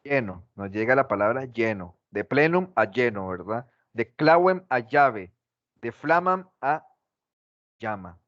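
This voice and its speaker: A man's voice: medium pitch, lively intonation, slow, fairly bright tone, dry recording. A male teacher giving a class lecture, asking the class questions and repeating his examples, on a dull lo-fi recording.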